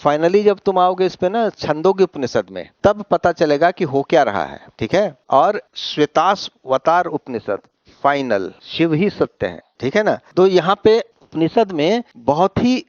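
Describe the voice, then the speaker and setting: A man's voice: on the high side, big pitch swings, a little slow, dry recording. Hindi-speaking male teacher lecturing a class. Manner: asks questions and answers them, often adds 'है ना?'; mixes English words into Hindi. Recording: dry, slightly dull sound.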